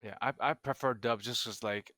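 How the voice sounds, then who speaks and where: A man's voice: mid-range voice, steady tone, normal speed, sharp tone, dry recording. A young man from Hong Kong, a native Cantonese speaker, chatting casually and animatedly as a podcast co-host, swearing and restarting often. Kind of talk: casual chat.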